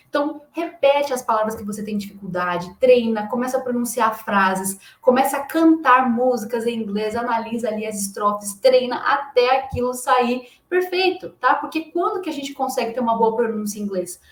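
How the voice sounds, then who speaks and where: A woman teacher with a Brazilian Portuguese accent delivers an online lesson, insistent and emphatic, forever tagging her points with a quick question to check the listener is following. Her voice sits a little high. The room around her gives a noticeable echo. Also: a bit bright. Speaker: English teacher.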